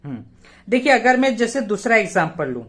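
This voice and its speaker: A man's voice: high voice, very animated, brisk, fairly bright tone. Male tutor at a board, casual explainer who keeps checking the viewer follows and spells words out letter by letter. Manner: keeps checking in with the viewer and asks himself rhetorical questions. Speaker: English grammar teacher. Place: teaching at a board he writes on.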